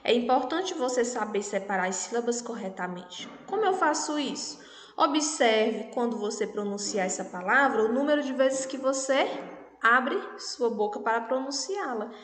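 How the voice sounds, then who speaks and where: A Brazilian woman teaching an online lesson for young children, speaking patiently and spelling words out clearly, often checking in with the class. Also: a little high, a bit bright, slight background noise. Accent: Brazilian Portuguese. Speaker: primary school teacher. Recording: echoey room with long reverb.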